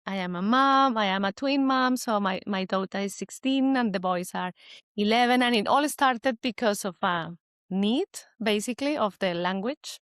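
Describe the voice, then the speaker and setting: A Colombian woman in her forties, speaking with a Colombian Spanish accent, discusses her business as a guest in a casual interview, full of fillers and restarts. Her mid-range voice moves at a moderate pace, slightly bright and clean, with a dry, clean studio sound.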